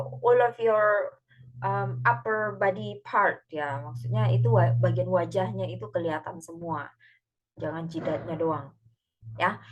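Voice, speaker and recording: A woman's voice: medium pitch, breathy edge, rough recording. Indonesian-accented woman giving a casual lecture. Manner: code-switches between Indonesian and English, relaxed and chatty. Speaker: English lecturer. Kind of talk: recorded online lecture.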